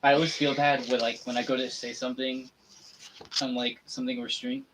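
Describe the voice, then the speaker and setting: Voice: mid-range voice, flat delivery, fairly quick, background noise. A livestream co-host chatting casually, joking and self-deprecating, with casual swearing.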